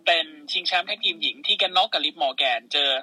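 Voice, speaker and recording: A man co-hosting a podcast, recapping matches in casual, excitable, swear-filled play-by-play. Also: sits high, quick pace, breathy edge, no room sound, poor audio. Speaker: podcast co-host.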